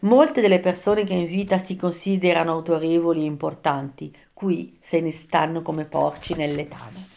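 A stern, solemn ghost of a poet leads the way through the dark, speaking with calm authority, voiced by a woman telling the tale. He sounds measured and sure of himself. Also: low voice, gravelly. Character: wise stern male ghost poet guide.

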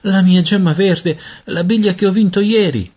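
A man's voice: fairly low pitch, huge pitch swings, normal speed, creaky, breathy edge, exaggerated voice. A man reading a storybook aloud and voicing an indignant, irritable young boy who complains and exclaims.

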